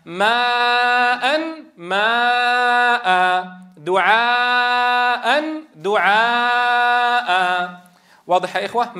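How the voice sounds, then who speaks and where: A man with a high-pitched voice teaches a tajweed lesson to a class of men. His tone is bright and forceful. He explains step by step, repeats key points, and stretches vowels to show each rule. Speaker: Quran teacher trainer.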